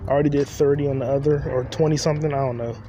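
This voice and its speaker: A young man's fairly high, mellow voice comes rapid-fire with fairly even intonation as he hosts a podcast outdoors. He rambles and jokes loosely in a solo monologue, talking to himself while walking city streets. The phone recording is lo-fi, with street traffic behind him.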